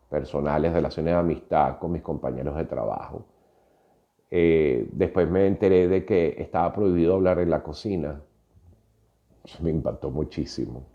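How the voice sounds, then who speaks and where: Venezuelan man, fifties, Venezuelan Spanish accent, extremely low voice, muffled lo-fi sound, reflective personal storytelling. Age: 50s. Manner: reflective, with frequent hesitations. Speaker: podcast host.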